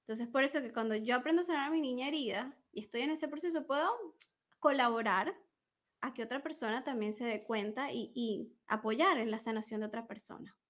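High-voiced woman explaining patiently. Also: fairly quick. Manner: warm, explanatory, acts out examples. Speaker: emotional wellness coach. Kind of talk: conversational interview.

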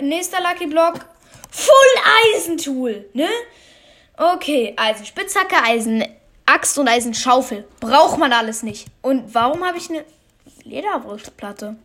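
A woman giving casual commentary on her own video game, excitable, swearing and muttering at what happens on screen. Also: high-pitched. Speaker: gamer commentating her play.

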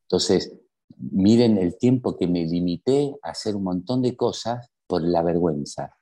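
An Argentine man with a fairly low, mellow voice recounts his own story as a guest. He talks emphatically, throwing rhetorical questions at his listeners. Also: animated, measured pace. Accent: Argentine Spanish. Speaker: interview guest. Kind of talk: personal storytelling.

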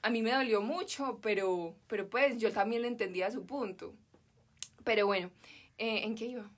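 A young Colombian woman with a Medellín accent speaks as a podcast guest in a slightly high voice at normal speed. She chats casually, telling an emotional story packed with slang.

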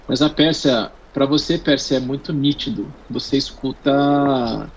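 A man narrating as game master of a tabletop game, drawn-out and relaxed. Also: medium pitch, a little hiss or hum. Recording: dull lo-fi recording.

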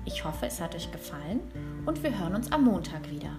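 A woman teacher reading a children's book aloud to her pupils in a clear, friendly storytelling manner. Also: on the low side, sing-song, brisk, music in the background.

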